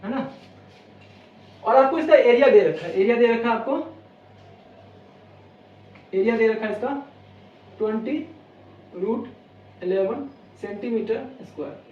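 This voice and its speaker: A man with a high-sitting voice teaches an exam-prep maths lesson a little slowly, with long pauses. He walks through each step and repeats questions back to the viewer before answering. The sound is roomy, distant, dull, and lo-fi, with faint noise.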